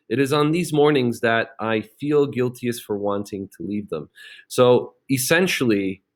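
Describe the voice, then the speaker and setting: Man teaching a grammar lesson. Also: medium pitch. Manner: explains step by step, often checking with "okay?"; plenty of fillers and restarts.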